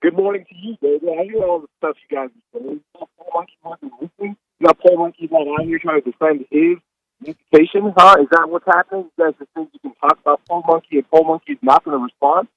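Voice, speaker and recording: A man's voice: high voice, quick pace, gravelly, no room sound, full character voice. A man calling in and playing a brash, defensive male monkey, heard over a distorted, fuzzy phone line with the phone held too close. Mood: defiant. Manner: defensive, rambling, excitable. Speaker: caller.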